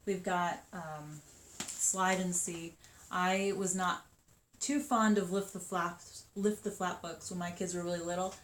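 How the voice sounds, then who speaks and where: A chatty woman in her thirties with a slightly low voice runs through children's books in an upbeat, rambling way, full of ums. She is recorded in a roomy, echoey space with a faint hiss behind her. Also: steady tone, unhurried. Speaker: children's book seller. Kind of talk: casual book showcase. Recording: echoey room with faint noise.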